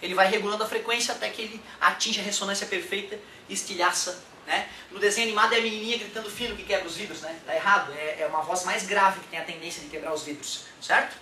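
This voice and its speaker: A man teaching a casual music lesson, animated and chatty, often checking in with his listeners. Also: sits high, quick pace, few pauses, a little hiss or hum. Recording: roomy echo from a distant mic.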